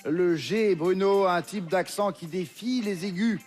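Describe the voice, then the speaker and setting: A man hosting a television quiz show, reading clues briskly and confirming answers. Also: high-pitched, darkish tone, faint music behind. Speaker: game show host. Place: television studio with audience.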